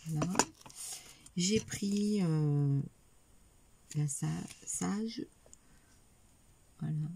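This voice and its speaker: A woman's voice: deep voice, very slow, long pauses, warm tone, slight background noise. A middle-aged woman chatting casually in a craft haul video, hesitant with many fillers, talking to viewers as she shows each item. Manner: talks to viewers while showing items. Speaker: craft vlogger.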